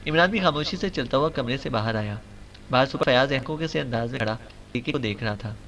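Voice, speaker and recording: A man narrating a novel audiobook in a steady, even storytelling manner. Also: mid-range voice, slight background noise, rough recording.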